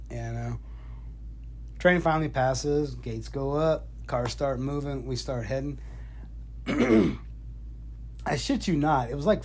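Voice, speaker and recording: A man's voice: mid-range voice, a little mellow. Brief: middle-aged man, loose foul-mouthed storyteller, laughs through his anecdotes, phone-recorded chat. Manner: profane, rambling, laughs often. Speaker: father telling stories to his son. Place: home in North Georgia. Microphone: iPhone.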